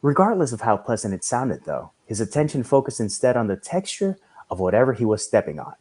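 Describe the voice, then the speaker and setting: A man reading a story aloud in a measured storytelling manner. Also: mid-range voice, sing-song, dark tone, slightly rough. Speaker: reader.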